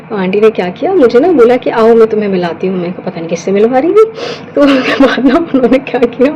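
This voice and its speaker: A woman's voice: fairly high pitch, highs cut off, a little hiss or hum. A young woman telling funny family stories in a casual, chatty vlog, with lots of fillers and quoted dialogue. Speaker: vlogger. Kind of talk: casual storytelling.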